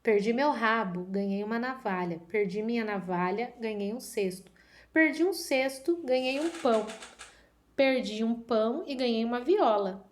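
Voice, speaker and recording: A Brazilian woman voicing a cheeky, greedy male monkey from a folk tale, chanting in a higher singsong. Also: lively intonation, moderate pace, lightly acted. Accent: Brazilian Portuguese.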